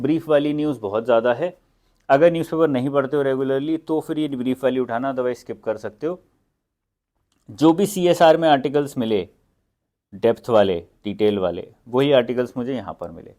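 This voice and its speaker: A man's voice: medium pitch, a little mellow. A young Indian man teaching exam preparation in a casual, conversational way, mixing English phrases into Hindi with frequent fillers. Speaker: exam prep educator. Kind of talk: casual instructional talk.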